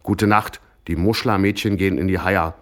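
A man's voice: steady tone, moderate pace, natural voice. A man voicing a strict, hysterical housewife mother who scolds and shrieks. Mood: scolding. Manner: scolding, shrill.

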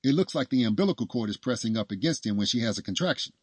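A man's voice: medium pitch, lively intonation, very fast, slightly rough, no echo, voice pushed up. A man voicing a boastful, flamboyant middle-aged male doctor with a cocky, showy manner. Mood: urgent.

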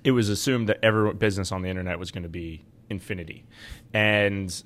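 A man's voice: sits low, fairly even intonation, fast, fairly bright tone. A man co-hosting a podcast, talking casually about finance as an investment adviser.

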